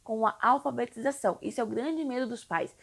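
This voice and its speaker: A woman's voice: a little high, brisk, vocal fry, heavy background noise. A young woman from Brazil, an English teacher for children, explaining in a chatty, reassuring way with frequent tag questions. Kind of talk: casual explainer video.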